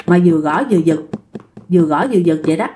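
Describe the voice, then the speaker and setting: A woman's voice: low voice, fast, dark tone. A woman telling a ghost story in a casual, chatty way, speaking straight to her listeners. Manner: chatty, addresses listeners directly.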